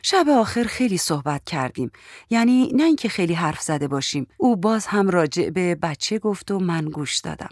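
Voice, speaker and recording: A woman reads an audiobook story in the first person. Her telling is plain and conversational, set in a low, even register. The recording is dry and close. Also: dry recording. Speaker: audiobook reader.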